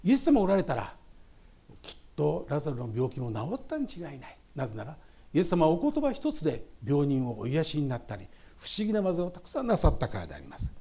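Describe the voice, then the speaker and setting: A man from Japan preaches a memorial service sermon as pastor, speaking emphatically and calling out to the congregation again and again. His voice sits fairly high, swings widely in pitch and sounds mellow and husky.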